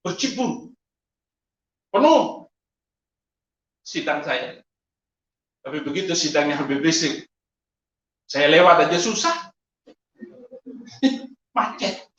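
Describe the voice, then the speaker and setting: A man, a pastor, preaching a testimony sermon with animated storytelling, frequent laughter and sudden high exclamations. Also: takes it slowly, pauses often. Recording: echoey, distant, lo-fi hall sound.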